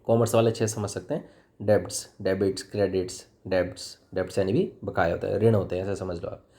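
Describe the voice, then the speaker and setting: A man's voice: sits low, fairly even intonation, fast, warm tone. A man with a Hindi accent teaching English vocabulary in a chatty classroom style, asking and answering his own questions. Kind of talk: classroom lesson explaining vocabulary.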